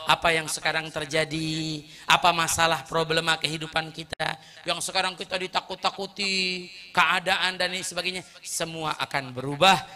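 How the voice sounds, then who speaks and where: A man preaching a sermon, telling stories in an animated way and speaking straight to his listeners. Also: medium pitch, creaky. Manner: animated, addressing the crowd directly. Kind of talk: sermon storytelling.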